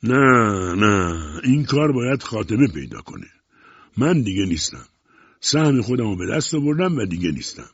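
A man voicing an angry, hostile old sea captain who barks his words gruffly. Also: mid-range voice, big pitch swings, mellow, no echo, pitched above the performer's own voice. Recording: dull muffled recording.

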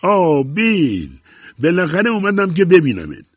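A man voicing a sly, pushy old male pirate who shouts in a hearty, insistent way. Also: medium pitch, very animated, breathy edge, dry recording, pitched above the performer's own voice. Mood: shouting. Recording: dull muffled recording.

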